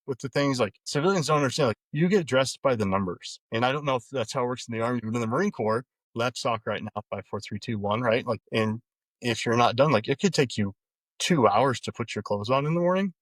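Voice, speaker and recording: A man in his forties from Wyoming, a podcast guest telling stories in a relaxed, wry way. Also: medium pitch, no echo. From Wyoming, USA. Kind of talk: casual storytelling.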